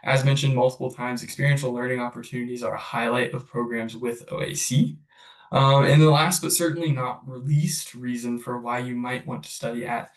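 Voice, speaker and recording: A man walks through a school presentation on a video call with some hesitant fillers. His mid-range voice comes from a distance. The room around him is echoey. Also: mid-range voice. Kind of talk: webinar presentation. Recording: roomy, distant from the mic.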